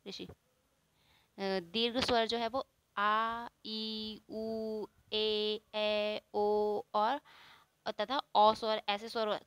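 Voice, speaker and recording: In this spoken Hindi grammar lesson, a woman with a mid-range, clean voice explains things one step at a time. She poses questions and then answers them herself, stretching out the example sounds. There's no room sound at all.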